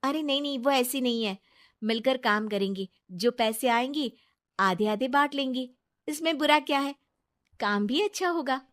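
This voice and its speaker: A trusting young wife who means well and reassures everyone, as a woman voices her for a cartoon story. Her voice is fairly high. She speaks earnestly and plainly. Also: normal speed, a bit bright. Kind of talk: animated storybook dialogue.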